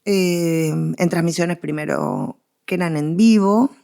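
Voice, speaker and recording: A mellow Argentine woman, her voice on the low side with vocal fry, speaks slowly as a guest expert in a conversational interview. She explains history with emphatic, repeated phrasing.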